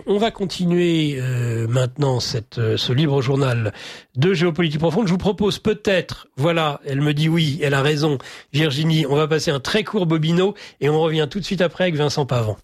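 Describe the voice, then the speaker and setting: A man hosting a radio talk show, reading out listener messages with many hesitations and formal courtesy. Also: on the high side. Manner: halting, many fillers, formal courteous address.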